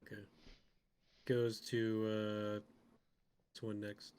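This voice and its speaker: A man playing a tabletop game, thinking aloud in a slow, musing way. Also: fairly low pitch, monotone, a little mellow, clear, resonant tone. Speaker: player. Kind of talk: casual tabletop game chat.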